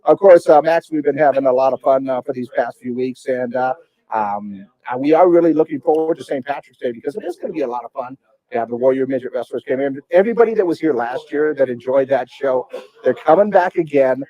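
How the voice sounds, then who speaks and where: A man's voice: mid-range voice, fast talker, warm tone, dull audio. A man hosting a casual live talk show from a restaurant patio, chatty and folksy. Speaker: podcast host.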